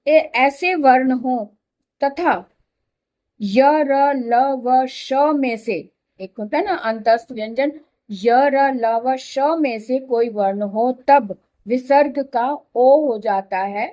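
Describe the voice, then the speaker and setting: A woman's voice: high-pitched, slow, a little mellow. A woman teaching a Hindi grammar lesson, patiently repeating letters and examples one by one. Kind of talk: slow explanatory lesson.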